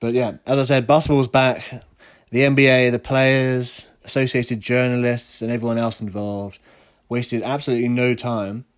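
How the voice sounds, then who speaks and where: A man's voice: mid-range voice, flat delivery, normal speed. A man with a stuffy, nasal voice from hay fever, hosting a casual solo rant full of opinions and filler words. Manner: opinionated, rambling, frequent ums. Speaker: podcast host.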